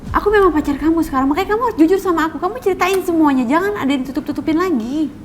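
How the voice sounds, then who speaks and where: A woman's voice: high-pitched, lively intonation, fast talker, warm tone, slight background noise. An actress playing an insistent young girlfriend in a TV soap, who presses her partner with questions. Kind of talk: TV soap acting.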